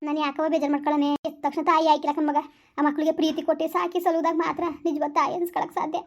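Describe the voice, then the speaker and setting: A woman's voice: sits high, flat delivery, racing. A woman playing a remorseful young village mother who keeps pleading and blaming herself. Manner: pleading, self-reproaching. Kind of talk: village family skit acting.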